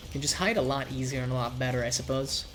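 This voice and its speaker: A man with a nasal, congested voice from a cold, giving rambling, relaxed commentary while streaming a game. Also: mid-range voice, quick pace. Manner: rambling, relaxed, swears casually. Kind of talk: casual gameplay commentary.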